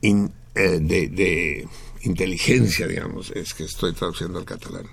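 A man with a Mexican accent, talking casually on radio as host, explaining things to listeners in a lively, profane way. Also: deep voice, normal speed, vocal fry, breathy edge.

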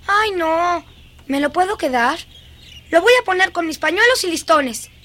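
A woman's voice: extremely high pitch, lively intonation, moderate pace, sharp tone, heavily acted. A woman dubbing a dreamy, eerie little girl who is fascinated by dead beetles, in a lingering, singsong, childlike way. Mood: chatty. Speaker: dubbing actress. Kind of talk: film dubbing.

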